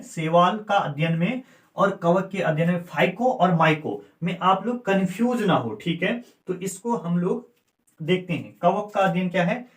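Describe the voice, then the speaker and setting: A male teacher giving an exam-prep lecture, repeating key terms and asking and answering his own questions. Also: high-pitched. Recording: echoey room.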